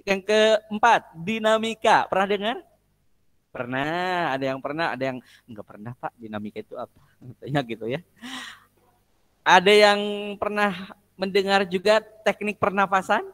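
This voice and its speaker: A man's voice: high-pitched, moderate pace, pauses often, a bit bright. A man teaching an online music class, quizzing students with jokes and singing solfège drills. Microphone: video call.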